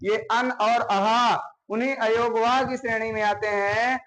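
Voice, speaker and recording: Teacher, male, high-pitched, walks students through basics, constantly checks they're following. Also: steady tone, a little slow, a bit bright, rough recording. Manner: explains step by step, often checking with "है ना?". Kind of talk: classroom grammar lesson.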